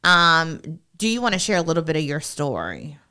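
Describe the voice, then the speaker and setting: Low-voiced encouraging woman host. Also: sing-song, normal speed, sharp tone, clean tone. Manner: encouraging, affirming. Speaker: podcast host. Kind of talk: podcast interview.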